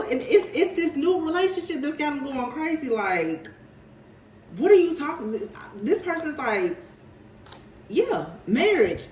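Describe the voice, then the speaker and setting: A woman's voice: high-pitched, a little mellow, slight background noise. A woman giving a casual tarot reading, chatty and incredulous, often breaking into laughter. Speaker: tarot reader. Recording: roomy sound, mic at a distance.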